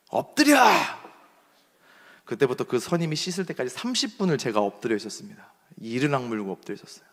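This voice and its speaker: Young male pastor, Seoul speech, animated sermon storyteller, ringing hall reverb. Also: medium pitch. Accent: Seoul standard Korean. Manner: animated storyteller acting out shouted quotes. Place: church hall. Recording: long reverb of a church hall.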